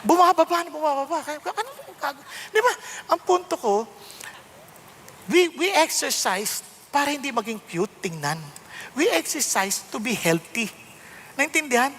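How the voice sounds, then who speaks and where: A middle-aged Filipino pastor preaching an animated sermon that switches between Tagalog and English. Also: very high-pitched, normal speed, a little hiss or hum. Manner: animated, mixing Tagalog and English, self-mocking humor. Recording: long hall reverb.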